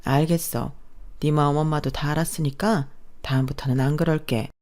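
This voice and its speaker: Woman playing a kind mother, gentle, reassuring, low and mellow voice, storybook tale. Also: fairly even intonation, moderate pace, natural voice. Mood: soothing. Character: kind, self-sacrificing older mother, gentle and soothing.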